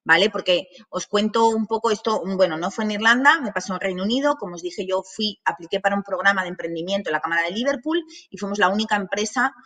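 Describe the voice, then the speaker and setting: A thirtysomething language academy director from Madrid, Spain, speaks with a Madrid Spanish accent as she gives an online masterclass from her office desk in a small office with banners. Her medium-pitched voice is a bit bright, and she talks fast with few pauses, chatty and full of asides and fillers.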